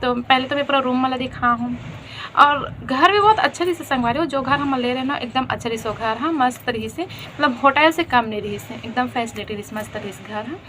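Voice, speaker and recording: A woman's voice: high voice, brisk, bright, forceful tone, a little hiss or hum. A young woman with a Chhattisgarhi accent, telling a personal story to her viewers in a chatty, friendly way. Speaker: vlogger. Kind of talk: casual storytelling.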